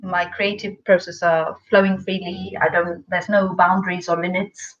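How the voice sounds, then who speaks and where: A woman's voice: lowish voice, little pitch movement, normal speed, fairly bright tone, lo-fi sound. A woman teaching an online English lesson, chatty and encouraging with her students.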